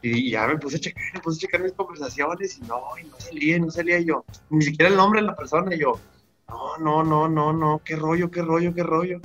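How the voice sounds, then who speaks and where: A man's voice: on the high side, a little fast, fairly bright tone, soft background music. A young man with a Mexican accent telling a long, rambling story in slangy casual chat on a podcast. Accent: Mexican Spanish. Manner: rambling, slangy, full of restarts. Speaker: podcast guest.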